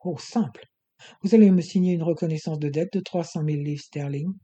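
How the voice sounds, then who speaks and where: An audiobook reader voicing a scheming, menacing male doctor who speaks calmly and coaxingly. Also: medium pitch, husky, lightly acted. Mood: cold bargaining. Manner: calm, measured, coaxing menace. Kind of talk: audiobook reading.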